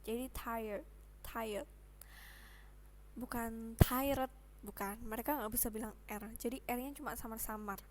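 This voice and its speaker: A young woman teaching English pronunciation in a casual online lesson, explaining slowly and patiently with chatty asides. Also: fairly high pitch, fairly even intonation, a little hiss or hum.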